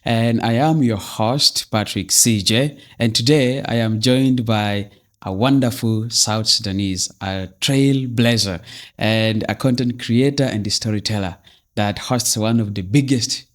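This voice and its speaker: A man's voice: lowish voice, unhurried. A man hosting a podcast interview, opening with a polished welcome and chatting casually with his guest. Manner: polished scripted intro, then casual chat. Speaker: podcast host.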